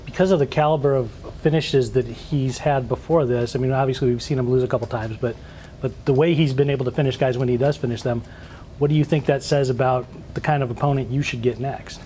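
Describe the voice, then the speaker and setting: A man's voice: mid-range voice, fairly even intonation, brisk, mellow. A man asking questions conversationally as a sports reporter in an interview. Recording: noisy room ambience.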